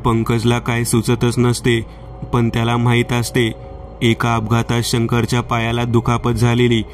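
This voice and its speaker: A man narrating a horror story in a steady, monotone way. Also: medium pitch, measured pace, soft background music.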